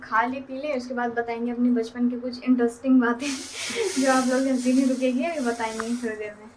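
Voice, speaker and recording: Chatty high-voiced woman vlogging on a phone. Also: fairly quick, slight background noise. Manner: chatty, laughs often, teasing. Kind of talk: casual vlog chat.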